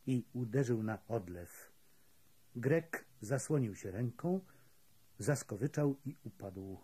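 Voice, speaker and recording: Husky male audiobook narrator. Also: medium pitch, warm tone. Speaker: audiobook reader.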